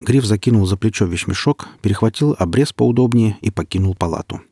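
A man reading an audiobook in an even, descriptive style. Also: fairly low pitch, a little fast, slightly rough, no room sound, clean studio sound. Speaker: audiobook reader. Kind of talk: scripted narration.

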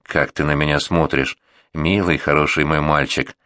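A man voicing a tender, weary woman of twenty-eight who speaks gently and quietly firm, in a storybook reading. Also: very deep voice, fairly even intonation, moderate pace, dry recording, clean studio sound, voice pushed down.

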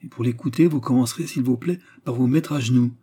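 Un greffier de cour grave et solennel, lu par un homme dans un livre audio. Il parle avec une politesse froide et mesurée, d'une voix sombre et légèrement voilée. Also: male voice, mid-range voice, dark tone, slightly rough, lightly acted. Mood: solemn. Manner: formal, measured and solemn. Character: grave, formal male court clerk, stern.

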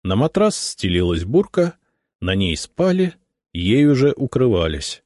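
A man narrating a first-person audiobook in a measured storytelling way with expressive intonation, close to the microphone. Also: medium pitch, no room sound.

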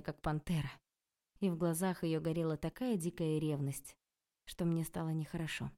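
A woman narrating a novel in the first person, expressive and ironic. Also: lowish voice. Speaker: audiobook narrator.

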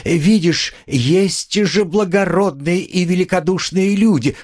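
A man voicing a proud, desperate poor widow woman who talks in a shrill, haughty way and screams. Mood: haughty pleading.

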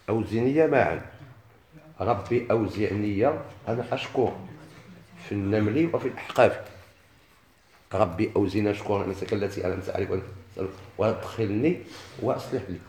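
A man with a Moroccan Arabic accent teaching a lesson, asking questions and chanting verses slowly. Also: lowish voice, a little mellow. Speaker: Quran recitation teacher. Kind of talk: lesson explaining a classical text. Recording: echoey room with faint noise.

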